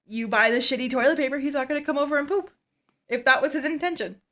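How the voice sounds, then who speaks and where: A woman with a slightly high voice, co-hosting a laid-back podcast. She reads listener stories aloud and weighs in with easygoing opinions, often letting her words drop off into a soft mutter. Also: fast talker. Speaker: podcast co-host. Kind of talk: casual chat and reading stories aloud.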